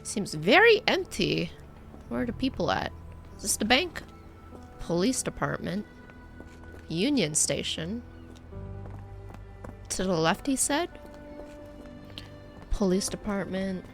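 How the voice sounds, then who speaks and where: A woman's voice: mid-range voice, sing-song, takes it slowly, vocal fry, pauses often. A woman giving chatty let's play commentary as a VTuber, reading game text aloud and making playful asides. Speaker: VTuber streamer. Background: faint game music.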